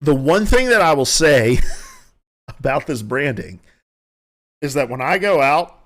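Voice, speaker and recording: A man's voice: on the high side, big pitch swings, a little slow, fairly bright tone. A man with a noticeable country accent, hosting a podcast and giving casual, rambling, opinionated commentary from home, often restarting his sentences. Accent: Southern US country. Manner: rambling, self-correcting, opinionated. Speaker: podcast host.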